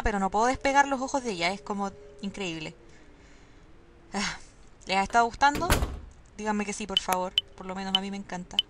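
A woman's voice: mid-range voice, background noise. A woman giving chatty, nervous commentary while playing a game and talking to viewers. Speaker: let's play gamer.

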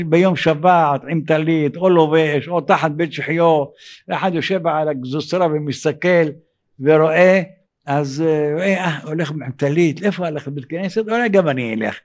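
An older man, a rabbi giving an evening sermon, who pauses often and acts out dialogue in an animated, raised voice. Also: a little high. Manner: halting, with frequent hesitations.

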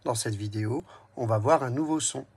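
A man's voice: medium pitch, fairly quick, husky. A man teaching a reading lesson to young children, saying each word twice and breaking it into syllables while speaking directly to the child. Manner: addresses the child directly and gently. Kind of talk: slow, clearly spelled-out early reading lesson.

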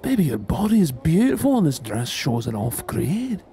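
Sweet-talking boyfriend, very lively pitch acted by a man. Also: moderate pace, a little hiss or hum. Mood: tender, coaxing. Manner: sweet-talking, coaxing endearments. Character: affectionate, impatient young Celtic boyfriend, sweet-toothed and exasperated. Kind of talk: boyfriend audio role-play, addressed to the listener.

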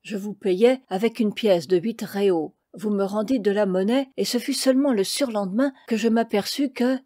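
A man's voice: high-pitched, normal speed, darkish tone, dry recording, clean studio sound, natural voice. A woman doing Titik, a humble scheming roofer. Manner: humble, apologetic, then pleading.

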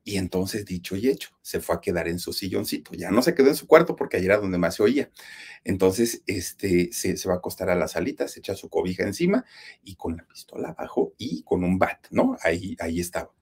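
A horror storyteller and channel host with a Mexican accent tells a spooky story dramatically, speaking straight to his listeners and building suspense. His voice sits low, with a darkish, slightly rough tone, and he speaks briskly and very animatedly.

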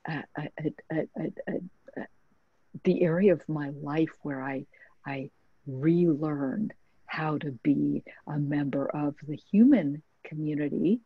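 A woman's voice: low voice, unhurried, husky, no echo. A woman author speaking thoughtfully on a webinar video call, hesitant with many restarts. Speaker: author guest. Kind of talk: reflective webinar conversation. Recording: muffled video call audio.

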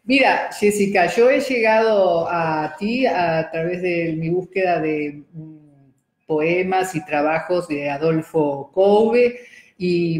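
A middle-aged woman with an Argentine accent hosts an interview from a room with a wooden table and a screen, asking hesitant questions padded with fillers. Her voice is fairly low and darkish, and the recording has a roomy echo.

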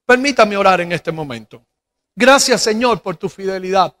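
This sermon comes from a middle-aged pastor from Cuba with a Cuban Spanish accent. His very high, bright voice unfolds slowly and deliberately into a handheld mic, full of rhetorical questions, with the spacious church hall adding long reverb.

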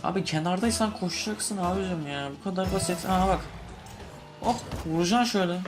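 A young man commentates on his own gameplay and gets loud, shouting and swearing at the match. His voice sits a little high, and the game's music plays clearly behind him over a cheap laptop-desk mic. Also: a little fast. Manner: excitable, shouts and swears at the game. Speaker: gaming YouTuber. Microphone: cheap desk microphone on a laptop. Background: game music.

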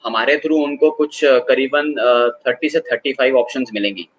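A man answering interview questions as an expert guest, explaining at length with frequent filler pauses. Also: mid-range voice, dull audio. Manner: hesitant, many filler pauses.

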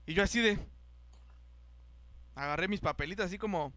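A man's voice: sits high, normal speed, no echo. A young man with a Mexican accent telling a travel story on a podcast. He talks in casual slang and acts out the people in it. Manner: animated, acts out the voices of people in his story, heavy slang. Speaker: podcast host.

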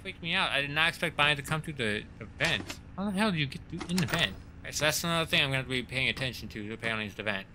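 Excitable man narrating a horror game. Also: mid-range voice, very fast, hardly any pauses, background noise. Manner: excitable, swears when startled, talks to the game characters. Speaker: let's play host. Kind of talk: horror gameplay commentary.

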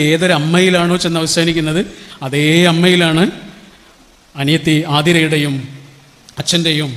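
A man's voice: a little high, fairly bright tone. Storytelling man speaking in a reverberant hall. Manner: storytelling, rhetorical questions to the audience. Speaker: motivational speaker. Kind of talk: inspirational public speech.

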